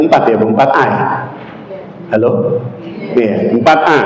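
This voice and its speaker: A male Islamic preacher with a Javanese accent, giving an animated sermon and quizzing the audience with questions. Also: a little high. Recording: echoey hall, faint background noise.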